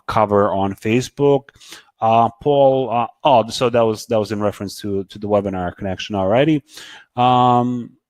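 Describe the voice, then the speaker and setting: Man hosting a halting live webinar. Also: on the low side, a little mellow, no room sound. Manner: halting, many fillers and repeated words, reads out attendee questions. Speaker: webinar host answering product questions. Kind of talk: casual live Q&A webinar with screen demo.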